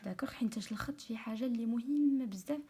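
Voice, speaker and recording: Moroccan woman teacher doing an online lesson, kinda husky voice, explains stuff step by step and keeps asking if it's clear. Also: fairly high pitch, racing, warm tone. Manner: explains step by step, often asking "c'est clair?" and mixing in French. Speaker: primary school teacher.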